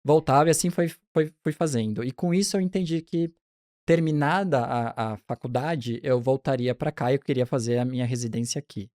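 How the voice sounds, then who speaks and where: A man in his forties, a pediatric neonatologist, telling his career story in a relaxed, chatty interview with frequent restarts. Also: medium pitch, fairly quick, dry recording, studio quality.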